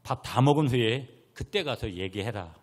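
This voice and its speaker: A man's voice: mid-range voice, expressive, moderate pace, lightly acted. A man voicing a stern old grandmother who scolds a child at the dinner table during a sermon story. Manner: scolding, admonishing.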